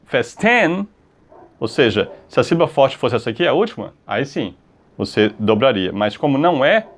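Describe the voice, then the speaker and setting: A Brazilian man teaching grammar, his somewhat high voice swooping up and down as he goes. He slows down on each example word, says it twice, and tosses in quick checks to keep the class with him. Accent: Brazilian Portuguese. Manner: drawn-out model words, repeated checks like "tá?" and "ok?". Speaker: English teacher. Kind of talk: explaining grammar rules on a video lesson.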